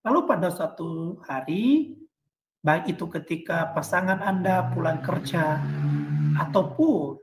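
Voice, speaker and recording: A woman pastor preaching a sermon in an animated way, acting out dialogue. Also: on the low side, echoey room.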